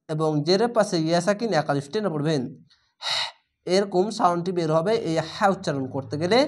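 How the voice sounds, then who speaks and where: Male Quran reading teacher, Bangladeshi accent, patient spell-out lesson with drawn-out chanted words. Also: high voice. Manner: spells each letter and vowel, then chants the word slow and drawn out.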